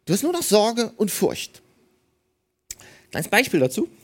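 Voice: mid-range voice, huge pitch swings, unhurried, fairly bright tone. A preacher giving an emphatic sermon, addressing the congregation directly and repeating key phrases for weight.

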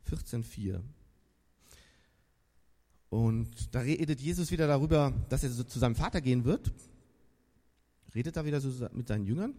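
A man's voice: mid-range voice, expressive, normal speed, long pauses, warm tone. A man preaching a sermon at a church service in a casual, enthusiastic and slangy storytelling way. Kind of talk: lively sermon.

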